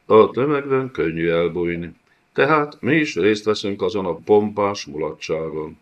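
A man's voice: lowish voice, lightly acted. Man voicing a hissing cruel monster lord. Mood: menacing. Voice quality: hissing, thundering. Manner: scornful, domineering. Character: cruel clawed male monster lord, menacing. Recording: dull lo-fi audiobook recording.

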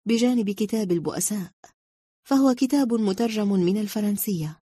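A woman narrating a story in a calm, measured reading style. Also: mid-range voice, slightly rough, dry recording, clean studio sound.

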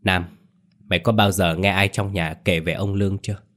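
Man reading as a grave old grandmother, firm and caring, deep voice. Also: fairly even intonation, normal speed, fairly bright tone. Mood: stern.

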